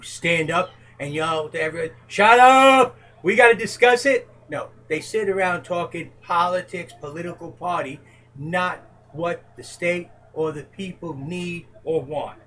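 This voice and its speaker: A man's voice: on the high side, normal speed, bright, forceful tone, poor audio. A man answering interview questions as a presidential hopeful in a casual home chat, earnest and emphatic.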